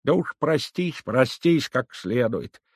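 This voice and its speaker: A man voicing a gruff, knowing old village woman who grumbles slowly. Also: medium pitch, big pitch swings, no echo, clean studio sound, voice pushed up, full character voice. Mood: grumbling. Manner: grumbling, slow and drawn out.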